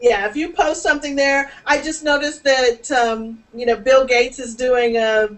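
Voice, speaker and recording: A woman's voice: high voice, fairly even intonation, a little slow, recorded from a distance, rough recording. A woman hosting a casual video call chat, chatty and laughing often, with many restarts. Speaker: host.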